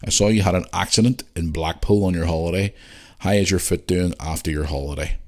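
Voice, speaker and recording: On his podcast, a Northern Irish man casually works through listener messages, reading them out and answering questions informally. His voice is low and a little mellow, and he talks fairly quickly.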